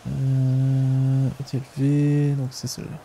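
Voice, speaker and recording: A male streamer in relaxed, chatty casual commentary over his game. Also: medium pitch, slow, a little hiss or hum. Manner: relaxed, chatty, laughs often.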